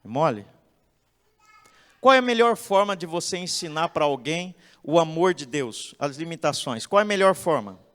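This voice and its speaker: Pastor, animated sermon-style talk, slightly high voice, echoey church hall. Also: male voice, normal speed, clean tone. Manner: animated, acts out quotes, asks "entende?". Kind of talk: expressive sermon-style lecture.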